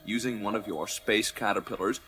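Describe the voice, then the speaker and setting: In a radio play, a man voices a prim, evasive, spindly alien company director, speaking formally, fussily and condescendingly in a fussy, explanatory mood. His voice is low-leaning and sharp, with a steady tone and moderate pace, and soft music plays behind him.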